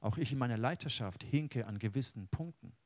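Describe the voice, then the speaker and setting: A man preaching a sermon in a mid-range voice. He talks earnestly, drops to a hush at some moments and pushes louder at others. The recording is dry and close, with no room sound. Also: medium pitch, lively intonation, fairly quick, no room sound. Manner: earnest, personal anecdotes, wide swings between loud and hushed. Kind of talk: sermon with Bible reading.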